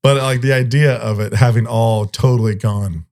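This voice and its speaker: A man's voice: mid-range voice, steady tone, moderate pace, vocal fry, darkish tone. A man co-hosting a podcast in casual chat, rambling and laughing often. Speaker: podcast co-host.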